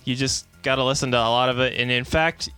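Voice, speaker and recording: A man's voice: mid-range voice, fairly even intonation, fast talker, pushed and bright, faint music behind. A man co-hosting a casual review, rambling and enthusiastic. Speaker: co-host reviewing a theme park attraction.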